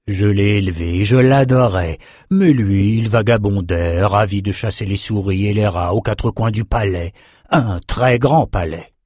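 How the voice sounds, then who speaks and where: Old wizard guy read by a man, wry, rambles, lowish voice, dry. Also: a little slow, a little mellow, no room sound. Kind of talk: audiobook character voice.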